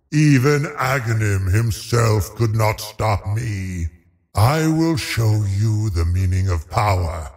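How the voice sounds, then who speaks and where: A man voicing a cold, haughty undead lich sorcerer in a video game, speaking in a menacing, theatrical, deliberate way as he savors his cruelty. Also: sits low, darkish tone, long reverb tail, heavily acted. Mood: wrathful, contemptuous. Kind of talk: video game villain voice lines.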